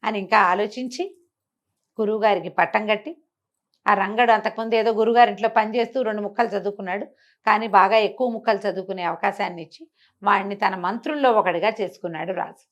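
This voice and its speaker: A fast-talking woman storyteller animatedly relates a moral folk tale, conversational and explanatory, performing dialogue and asking rhetorical questions. Her pitch is medium and her tone steady, and the recording's highs are cut off.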